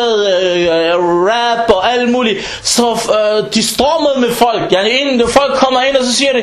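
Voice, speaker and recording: Male preacher, very high voice, informal lecture, echoing room sound. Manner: animated, mixes in Arabic phrases and recitation.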